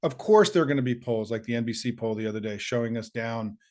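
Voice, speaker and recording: A middle-aged man with a slightly hoarse, squeaky voice, hosting his political show and giving an earnest, upbeat pep talk straight to his audience. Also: fast, darkish tone. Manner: earnest, upbeat, rallying, with listing and asides.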